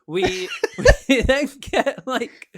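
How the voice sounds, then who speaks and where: A man co-hosting a podcast in casual chat, animated and joking, often breaking into laughter. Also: very high voice, drawn-out words. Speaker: podcast co-host.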